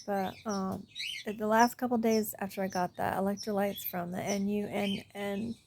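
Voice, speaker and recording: Tired, gravelly-voiced woman vlogging. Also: medium pitch, little pitch movement, normal speed, darkish tone, a little hiss or hum. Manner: rambling, tired, often drops to a near whisper. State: tired after a night shift. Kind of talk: casual diet vlog.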